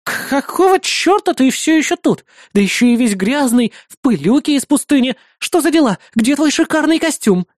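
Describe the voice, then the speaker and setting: A reader voicing a bratty, loud young girl who scolds and shouts. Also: expressive, moderate pace, few pauses, dry recording, clean studio sound. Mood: indignant scolding. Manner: shrill, shouting.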